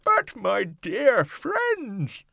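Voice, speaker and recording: A man voicing a kindly old green grasshopper who talks slowly and tries to sound cheerful, in a dry recording. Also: very high voice, huge pitch swings, vocal fry, no room sound, voice pushed up, exaggerated voice. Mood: cheering. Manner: slow, gently encouraging.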